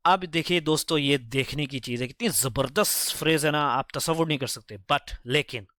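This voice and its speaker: Tutor voice: a man explaining phrases, a bit high, close and dry, repeats and self-corrects. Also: sharp tone, dry recording. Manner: reads English phrases slowly, then explains them briskly; repetitive, correcting himself as he goes. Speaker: English teacher. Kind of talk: explaining English phrases from a story.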